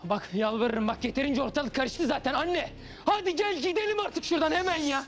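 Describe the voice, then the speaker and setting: A man's voice: extremely high pitch, fairly quick, a bit bright, soft background music. An actor playing a desperate young man pleading to take his sick mother home, in a TV drama. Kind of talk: TV drama acting.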